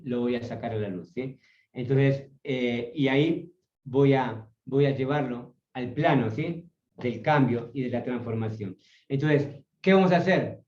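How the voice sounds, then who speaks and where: Guy teaching a workshop over a video call, keeps saying "sí?", muffled dull audio, roomy and far from the mic. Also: mid-range voice. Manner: tags nearly every phrase with a questioning "sí?". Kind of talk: spoken workshop lecture.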